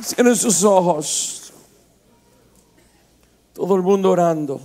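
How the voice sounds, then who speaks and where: A male pastor preaching a sermon with passion, moving from quiet, intimate storytelling to loud, shouted exhortation. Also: high voice, slow, a faint crowd. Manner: impassioned preaching, swings from hushed to shouting.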